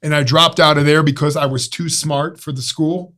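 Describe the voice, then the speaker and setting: A joking man in his fifties with an Ohio accent, chatting as an interview guest. His voice sits a little higher than most men's, and he tells his stories with self-mocking humor. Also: steady tone, normal speed, pushed and bright, slight background noise. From Ohio, USA. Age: 50s. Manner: jokey, self-mocking storyteller. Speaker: podcast guest, stuntman and actor. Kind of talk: casual interview chat.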